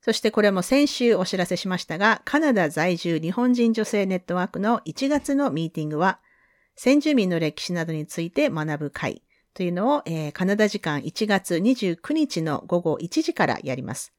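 A woman's voice: lowish voice, sing-song, moderate pace, no echo, clean studio sound. A woman from Japan hosting a solo podcast, explaining in a chatty way and slipping into quoted speech. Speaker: podcast host. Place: lives in English-speaking country.

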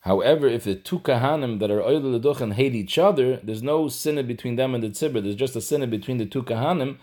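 A man's voice: mid-range voice, fast talker, a little mellow. A man giving a halacha lesson, explaining steadily and mixing Hebrew and Yiddish terms into his English. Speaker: Torah teacher.

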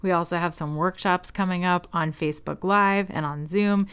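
Woman podcast host, lowish voice, effusive and eager. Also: steady tone, normal speed, a bit bright, clean tone. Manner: gushing, enthusiastic. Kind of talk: upbeat podcast interview.

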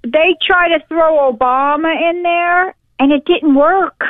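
A radio show caller comes through on a thin, tinny phone line. She is a woman with a high voice who talks bluntly and with heat. She cuts in over the host. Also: a little slow, dry recording. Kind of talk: casual call-in chat.

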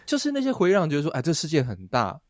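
A man with a Taiwanese accent hosting a podcast, telling stories in a lively casual chat and laughing often. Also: fairly high pitch, racing, no echo, studio quality. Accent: Taiwanese Mandarin. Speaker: podcast host.

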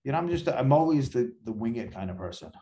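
A man's voice: mid-range voice, sing-song, quick pace, warm tone. A man, a podcast guest telling rambling anecdotes and acting out the dialogue in them. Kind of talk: casual storytelling interview.

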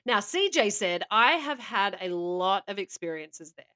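A woman's voice: mid-range voice, big pitch swings, a little slow, sharp tone. A woman co-hosting a casual podcast, reading out stories with playful asides and laughter. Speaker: podcast co-host.

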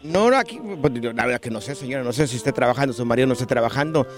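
Brief: animated male prank-call radio host, high, expressive voice, music underneath. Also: very fast. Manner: lively, teasing, plays a stern bar manager.

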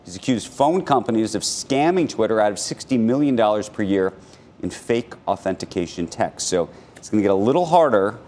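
An American man co-anchoring financial news, reading rapid market news in a brisk, factual way from the desk. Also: on the low side, expressive, a little mellow, slight background noise.

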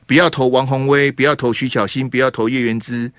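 A man hosting a call-in radio talk show, teasing and grilling his caller with rapid-fire questions. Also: medium pitch, flat delivery, a bit bright, clear, resonant tone, no room sound. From Taiwan.

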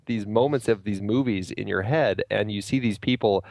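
A man's voice: lowish voice, moderate pace, gravelly, a little mellow, dry recording, clean studio sound. A middle-aged man co-hosting a podcast, reflecting on film and love in a thoughtful way. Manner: thoughtful and reflective, laughs easily. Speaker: podcast co-host. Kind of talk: casual film discussion.

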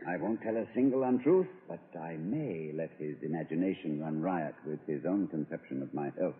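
An actor playing a whimsical, pompous middle-aged college president, talking in playful, flowery phrases in a 1940s radio comedy. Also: male voice, very deep voice, expressive, normal speed, slightly rough, exaggerated voice. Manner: grandiloquent, playful, poetic flourishes. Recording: tinny old radio broadcast.

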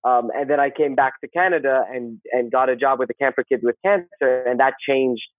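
Male interview guest, conversational and halting with repeated phrases, close dry sound with limited bandwidth. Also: mid-range voice, steady tone, dry recording, narrow, tinny audio. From Saudi Arabia. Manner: rambling, halting, repeats words and phrases, often tags "right?". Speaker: podcast guest, social worker. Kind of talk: casual interview, personal storytelling.

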